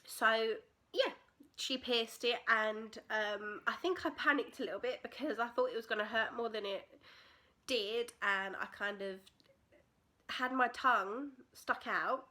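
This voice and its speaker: A woman's voice: on the high side, a little slow, bright, forceful tone. A British woman in her twenties telling a personal story in a casual, candid, chatty vlog style. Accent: British English. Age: 20s. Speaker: vlogger.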